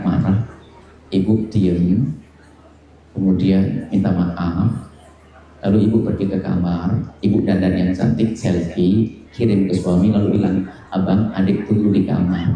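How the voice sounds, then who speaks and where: A man preaching a sermon with humor, sometimes mimicking people in high, nagging voices. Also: dark tone, slight background noise. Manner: playful, jokes and mimics nagging wives and husbands in high voices. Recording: very echoey hall with faint ambience.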